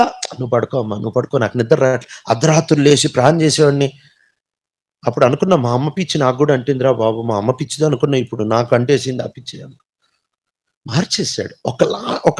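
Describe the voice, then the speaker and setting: A young man, telling his personal faith testimony in animated storytelling that swings between loud emphasis and quiet reflection. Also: fairly high pitch. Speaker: testimony speaker.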